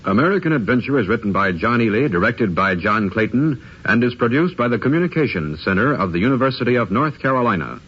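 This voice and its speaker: In a radio studio, a man makes formal, scripted announcements in 1950s radio style, his medium-pitched voice animated and fast with few pauses. The recording is dull, as from 1950s radio, with background noise.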